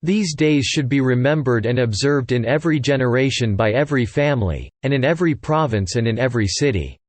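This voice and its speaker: Man, scripture reading, measured and steady, dry close sound. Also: mid-range voice, no echo. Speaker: Bible reader.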